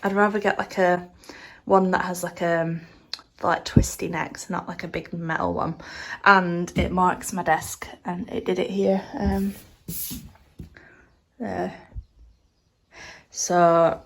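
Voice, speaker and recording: A woman with a lowish, fairly flat voice speaks slowly with long pauses, nasal and congested from a cold. An artist vlogger, she gives a casual tour of her small home art studio, rambling and using plenty of filler words.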